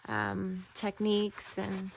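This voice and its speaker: Unhurried woman crafter thinking aloud, humble and hesitant. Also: medium pitch, completely flat delivery, creaky, slight background noise. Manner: rambling, with frequent ums and restarts; humble, apologetic. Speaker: craft video maker. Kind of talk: casual chat while crafting.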